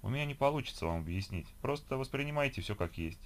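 A man voicing a calm, serene young man speaking softly and gently in an audiobook. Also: medium pitch, quick pace, voice pushed up, close to an everyday voice. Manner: soft, gentle, quiet.

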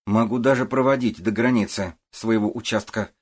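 A man's voice: on the low side, fairly even intonation, normal speed, slightly rough, voice pushed up. A man doing a curt, stubborn policewoman. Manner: curt, sardonic. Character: blunt, stubborn woman police officer.

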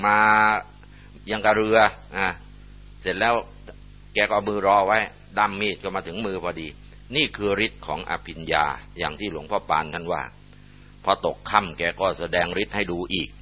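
A man telling a temple legend in a relaxed way, with frequent fillers, on a muffled lo-fi recording. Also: sits low. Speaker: storyteller. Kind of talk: storytelling narration.

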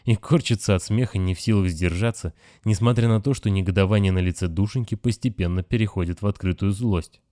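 A low-voiced male audiobook narrator reads scripted material at a steady, measured pace. The recording is close and dry, with no room sound at all.

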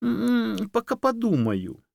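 Man voicing a fox, female, sly, fawning, squeaky high voice, lively storybook reading. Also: takes it slowly, vocal fry, dry recording, heavily acted. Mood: coy.

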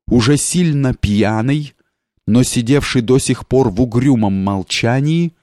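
Slow, measured male audiobook narrator. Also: mid-range voice, a little mellow, no room sound, studio quality. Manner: measured, unhurried storytelling. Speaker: audiobook reader.

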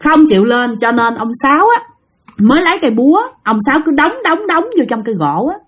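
A woman with a Southern Vietnamese accent telling a ghost story in a casual, animated way, speaking directly to her listeners. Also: high-pitched, fast.

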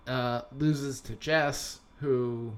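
Drawing out his words in a steady, mid-range voice, a young man co-hosts a podcast. He chats casually and rambles, restarting often and using many fillers.

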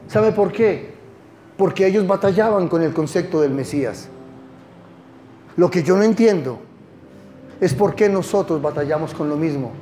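A male pastor preaching a sermon with impassioned call-and-response, swinging from loud declarations to hushed lines. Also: high voice, slight background noise.

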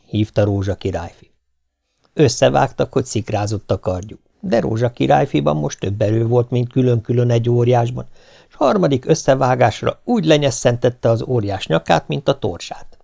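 A man reading folk tales aloud in a lively, expressive storytelling manner. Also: medium pitch, vocal fry. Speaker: audiobook reader. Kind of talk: folk tale narration.

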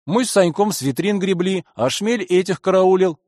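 A man's voice: high-pitched, normal speed, a little mellow, no echo, clean studio sound, voice pushed up, lightly acted. A man voicing a cocky, rude young male robber in an audiobook, whiny and insolent. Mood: sulky.

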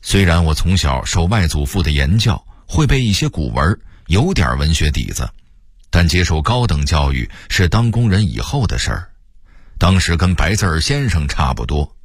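A man in his sixties from Beijing with a Beijing accent, telling a story in a relaxed, chatty way for radio. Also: deep voice, normal speed, husky, no echo, studio quality.

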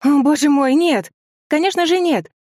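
A man's voice: sits high, moderate pace, a little mellow, dry recording, clean studio sound, pitched above the performer's own voice, natural voice. A man reading an audiobook, voicing an anxious, flustered young woman who chatters breathlessly. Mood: desperate. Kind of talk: audiobook character voice.

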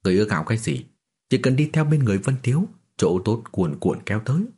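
A man voicing a bold, excitable male martial warrior who speaks bluntly and fires off questions. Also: medium pitch, quick pace, husky. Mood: elated.

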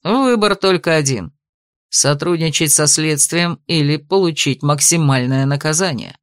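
Audiobook casting: a woman doing a cold, growling male investigator, low voice, dry sound. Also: measured pace, dry recording. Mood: stern menacing. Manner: growling, commanding.

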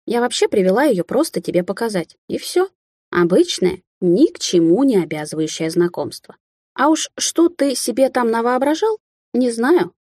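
A woman voicing a scheming red-haired young woman who lies with ease, in a higher, brighter voice with a husky edge. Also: very animated, moderate pace, no echo, studio quality. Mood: flippant.

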